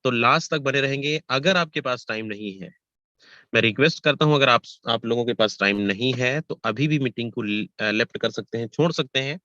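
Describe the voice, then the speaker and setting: A man's voice: mid-range voice, brisk, pushed and bright, no echo. A man hosting an online webinar, urgently urging viewers to stay and listen. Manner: urgent, pleading, repeats instructions. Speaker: webinar host. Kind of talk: introducing a webinar. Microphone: video call. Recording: dry lo-fi video call audio.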